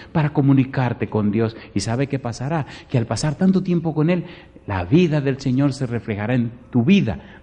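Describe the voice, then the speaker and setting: A male pastor with a medium-pitched, darkish voice preaches a Bible study sermon in a large hall. He's emphatic, firing rhetorical questions at his congregation and adding folksy stories from home.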